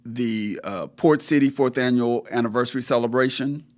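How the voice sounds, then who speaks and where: A man hosting an interview podcast, speaking in a measured way with frequent fillers. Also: medium pitch, a little mellow. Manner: measured, reads through a list with many fillers. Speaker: podcast host. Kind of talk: casual interview.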